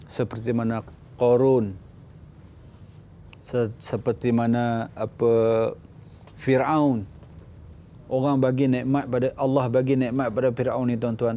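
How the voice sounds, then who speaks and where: A man with a Malaysian Malay accent gives a lively sermon as a religious teacher. His voice is gravelly and dark. He talks in an animated way, acting out small scenes. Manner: animated, acts out little scenes, jumps to high voices. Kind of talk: lively sermon with acted dialogue.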